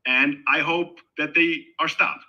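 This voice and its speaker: A middle-aged man from Israel, talking in a casual online debate in an animated, emphatic way with frequent restarts. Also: on the high side, measured pace, dull audio. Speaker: guest in an online discussion. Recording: voice call on a discussion server.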